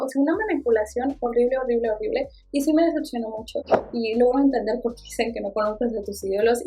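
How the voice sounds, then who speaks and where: Mexican girl doing a book vlog, kinda high and breathy, expressive and playful. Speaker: book vlogger. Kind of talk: casual book review chat.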